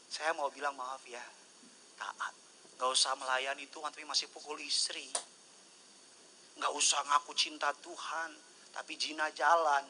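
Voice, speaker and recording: A man preaching a sermon as pastor at a church service, lively and joking, mimicking congregants. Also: a little high, slight background noise.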